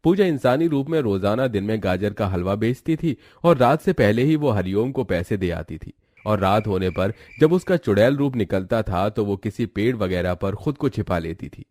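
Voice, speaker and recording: A man narrating a cartoon story in a steady, dramatic storytelling manner. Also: fairly low pitch, moderate pace, no room sound.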